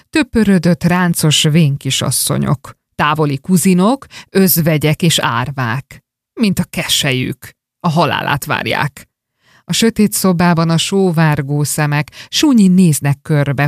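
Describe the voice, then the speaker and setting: A narrator reading a rhymed story aloud with a steady verse rhythm and expressive delivery. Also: medium pitch, no room sound, studio quality.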